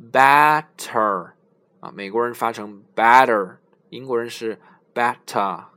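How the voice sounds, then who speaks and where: A man giving a pronunciation lesson, explaining in Chinese and slowly modelling English words several times. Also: on the low side. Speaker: English teacher.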